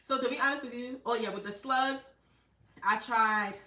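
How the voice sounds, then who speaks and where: A woman's voice: a little high, moderate pace, sharp tone, far from the mic. A woman hosting a live gardening stream, chatting casually with lots of fillers and restarts. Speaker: gardening channel host. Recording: roomy sound from away from the mic.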